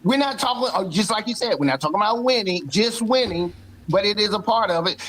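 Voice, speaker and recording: Male panelist, emphatic challenger, high voice, faint background hiss. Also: a little fast, fairly bright tone, poor audio. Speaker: debate panelist. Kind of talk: heated debate.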